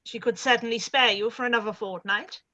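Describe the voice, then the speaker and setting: An actress playing an imperious, domineering aristocratic older lady with a haughty, drawn-out, condescending manner, in a live-read radio play. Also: on the high side, fairly even intonation, bright, forceful tone.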